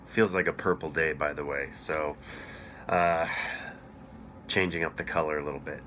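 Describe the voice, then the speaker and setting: A middle-aged man with a low voice made froggy and hoarse by a chest cold talks to camera, explaining things with care. His tone is bright and forceful despite the rasp. A faint hum of ambient noise sits under the voice. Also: fairly even intonation, moderate pace. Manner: thoughtful, explaining while checking notes. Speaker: cycling coach and host. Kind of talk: casual explanatory video talk.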